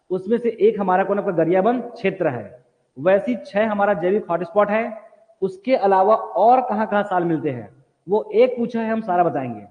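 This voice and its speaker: A man teaching an exam coaching class, drilling students with repeated questions and telling them what to write in their notes. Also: high-pitched. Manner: repetitive question-and-answer drilling. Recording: tinny phone-like sound in a reverberant hall.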